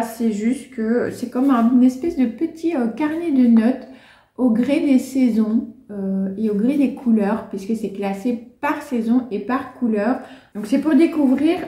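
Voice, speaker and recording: A woman chats casually through her favourite books and finds, filling pauses with little hesitations and laughing often. Her voice sits a bit high but sounds soft and mellow. The room around her adds a noticeable echo. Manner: chatty and warm, many fillers, laughs often. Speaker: book and lifestyle vlogger. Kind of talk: casual chat, reviewing favourites.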